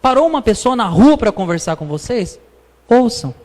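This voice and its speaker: A man with a high-pitched voice gives a casual sermon-style talk, telling everyday stories and checking in with the listeners through constant tag questions. His voice rings out with a long reverb in a lecture hall. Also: big pitch swings, a little fast, darkish tone. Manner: chatty storytelling, frequent tag questions. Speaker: lecturer at a spiritist center. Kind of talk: public talk, informal sermon.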